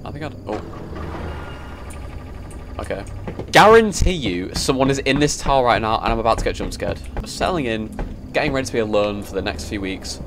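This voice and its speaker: Young gaming creator, low voice, jumpy and sweary, huge pitch swings. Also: male voice, animated, a little fast, pauses often, fairly bright tone, a little hiss or hum. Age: young adult. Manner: jumpy, swearing, reads game text aloud. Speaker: gaming YouTuber. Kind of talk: horror game let's play commentary.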